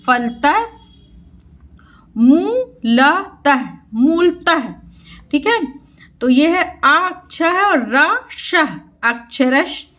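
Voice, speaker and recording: A woman teacher with a high, light voice leads a reading lesson for young learners. She speaks slowly and patiently, breaking each word into syllables before saying it whole so listeners can repeat after her. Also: fairly bright tone. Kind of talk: Hindi reading lesson for children.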